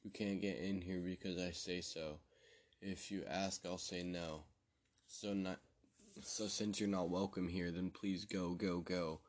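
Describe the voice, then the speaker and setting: A man's voice: low voice, steady tone, unhurried. A man voicing a frightened five-year-old girl in a spoken horror story, talking tensely. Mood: scared. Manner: tense, scared.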